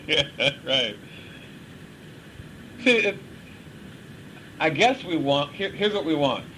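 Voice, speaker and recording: A man teaching a couples class from the Bible, speaking to a live group in a lively, chuckling way and acting out everyday voices. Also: a little high, drawn-out words, pauses often, slight background noise, poor audio.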